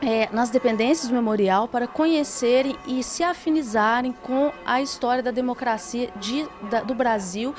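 A woman's voice: a little high, moderate pace, hardly any pauses, a little mellow, faint music behind. A woman in her thirties interviewed indoors at an event on a handheld mic, speaking hesitantly with many restarts. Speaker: event organizer. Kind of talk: on-camera interview. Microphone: handheld reporter mic.

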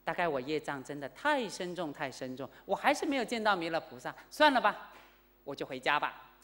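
A woman's voice: low-pitched, big pitch swings, fairly quick, fairly bright tone, long reverb tail. A woman voicing a discouraged male monk who sighs and pleads after years of fruitless retreat, in a story told to a class. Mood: despairing. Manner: plaintive, sighing.

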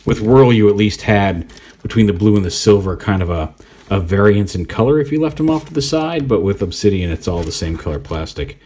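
A man giving a relaxed, rambling hands-on toy review, thinking aloud as he poses the figure. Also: lowish voice, fairly quick, breathy edge. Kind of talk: casual hands-on product review.

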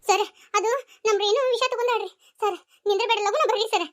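A woman's voice: very high voice, fairly even intonation, fairly quick, fairly bright tone. A woman voicing a frantic pleading village woman. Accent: North Karnataka Kannada. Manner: urgent, pleading. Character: frantic young village woman begging for help.

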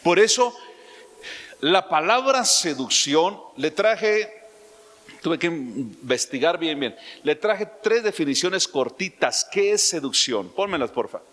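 A man preaching a sermon as pastor, emphatic, throwing out rhetorical questions and rising suddenly to loud lines. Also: on the high side, big pitch swings, takes it slowly. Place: church. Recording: long church-hall reverb.

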